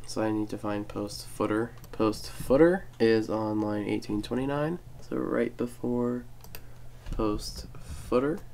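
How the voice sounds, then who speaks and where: Speaking slowly with vocal fry, a young man just past a cold narrates a casual screen-recorded tutorial on building a website, step by step, with jokes at his own expense. The voice is lowish and a little mellow.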